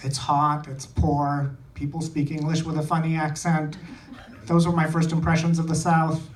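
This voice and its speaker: Speaking in a monotone at normal speed, an Indian stand-up comic with a fairly high pitch works a small theater audience. He keeps his lines short, dry and self-deprecating. Loud noise, echo and a distant mic mark the recording.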